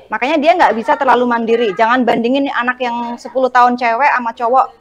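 A woman in her forties explains parenting in easy, conversational talk, her voice sitting a little high. She is chatty and lively, often slipping into quoted lines from her family. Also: fast. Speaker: parenting talk show guest.

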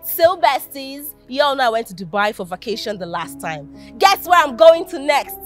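A Nigerian actress playing a vain, boastful female influencer who insults people in a haughty way, with soft film music behind. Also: high voice, big pitch swings, moderate pace. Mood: bragging. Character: vain lying female social media influencer. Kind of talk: Nollywood film acting.

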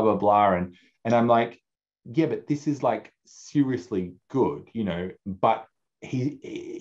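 A deep-voiced man in his forties speaks on a video call whose sound is dull and lo-fi. He talks in a loose, animated way, trips over restarts, and jumps into character voices when he quotes other people. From Australia. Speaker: food advocacy director, guest. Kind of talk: casual conversational interview. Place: home office, indoors.

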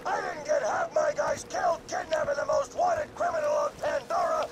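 An actor playing an angry, greedy bandit boss in video game dialogue, yelling in a gravelly voice. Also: male voice, extremely high pitch, huge pitch swings, moderate pace, full character voice. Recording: distant game audio under loud noise.

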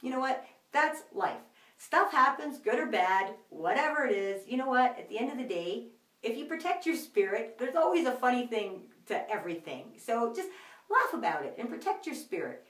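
A woman giving a casual motivational video message, energetic, laughing easily and swinging her pitch up and down. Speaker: motivational vlogger. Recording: echoey room, mic at a distance.

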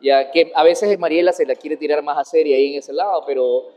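Animated high-voiced man. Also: a little fast. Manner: animated, rambling, laughs while talking. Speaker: guest comedian. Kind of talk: casual interview chat.

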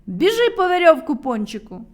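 A woman voicing a boastful, careless little boy shorty, shouting loud and cheeky. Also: high-pitched, big pitch swings, normal speed, pitched above the performer's own voice.

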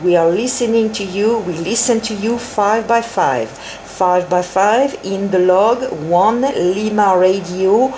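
A woman runs amateur radio contacts at a slow pace. She gives phonetic call signs and short signal reports, repeating each to confirm, with faint noise around her medium-pitched voice. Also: warm tone, poor audio. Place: indoors at a desk with radio set.

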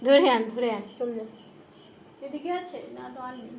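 A woman's voice: high-pitched, moderate pace, a little mellow, a little hiss or hum. Woman coaxing and scolding her dog. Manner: scolding and coaxing, repeats herself. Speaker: dog owner filming her pet. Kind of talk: casual talk to a dog.

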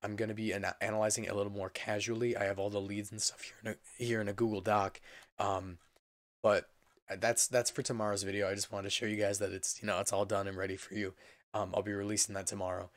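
A young man with a hoarse voice that is giving out from being sick, giving a casual, rambling update as a gaming channel host. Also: lowish voice, flat delivery, quick pace, dry recording. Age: young adult. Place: indoor room at a computer.

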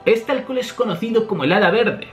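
A man voicing a frightened young woman navigator in a high, alarmed falsetto. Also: animated, quick pace, fairly bright tone, soft background music. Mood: uneasy.

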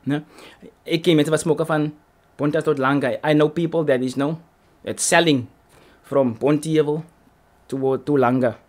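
A man's voice: a little high, steady tone, moderate pace, long pauses. Emphatic man reacting. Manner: emphatic, repeats his points. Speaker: reaction video host. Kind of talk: casual commentary on a song.

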